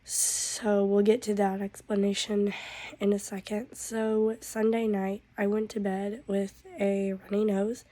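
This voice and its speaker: Sick lady vlogging, hoarse voice, slow and flat. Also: medium pitch. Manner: drawn-out, weary talk with a cough. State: hoarse from losing her voice; stuffed up with a cold. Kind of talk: casual vlog update.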